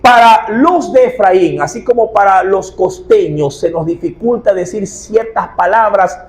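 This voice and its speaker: A man's voice: high voice, unhurried, rough recording. A man, preaching a sermon as pastor, firing rhetorical questions at his congregation. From Ecuador.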